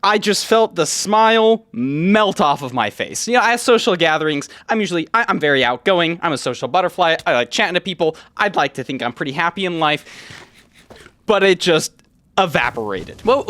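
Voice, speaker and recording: This twentysomething YouTuber's voice sits a little high and is very animated, with a fairly bright tone and no echo. He moves at a moderate pace through a casual personal story, wandering conversationally and quoting his own words along the way.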